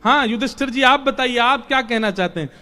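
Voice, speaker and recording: A man's voice: very high-pitched, brisk, sharp tone, soft background music, voice pushed up. A man voicing the god Krishna as a playful, coaxing guide who questions and urges his friend in a religious storytelling talk. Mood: urging. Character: Lord Krishna, divine male guide, playful and teasing.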